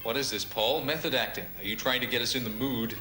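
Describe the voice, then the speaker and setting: A man's voice: medium pitch, fast talker, pushed and bright, reverberant, faint music behind, lightly acted. A man playing a wisecracking American actor. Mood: joking. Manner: flip, joking.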